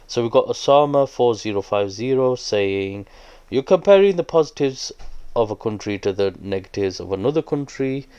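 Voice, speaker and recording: Guy doing a vlog, explains things earnestly, lots of uhs, deep clean voice. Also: darkish tone, clear, resonant tone, dull audio. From Britain. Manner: earnest, explanatory, with hesitant fillers. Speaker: vlogger. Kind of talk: casual vlog commentary.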